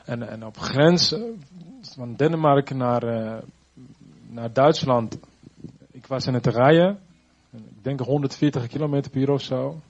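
A man giving a personal faith testimony, halting and searching for words, earnest and reflective. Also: mid-range voice, muffled recording.

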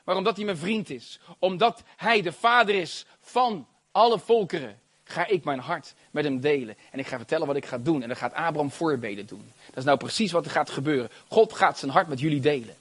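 A man preaching a sermon, animated and exclamatory, with frequent hallelujahs and amens and laughter between phrases. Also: fairly high pitch, fairly quick.

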